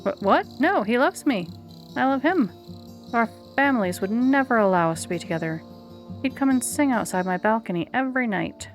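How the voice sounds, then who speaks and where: A wistful, heartbroken young maiden pours out her sorrow in slow, melodramatic lines. A woman voices her a little higher and louder than her own voice, in a game. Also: lively intonation, faint music behind. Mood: lovelorn. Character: lovesick weeping young maiden, dramatic and wistful.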